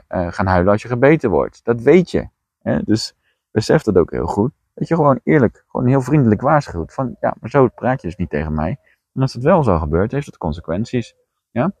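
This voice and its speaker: A man with a very deep, low voice coaching listeners in a direct, no-nonsense way. His delivery is blunt and plainspoken. The sound is dry and close, with no room echo. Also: a little mellow. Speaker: podcast host and coach. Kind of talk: coaching monologue.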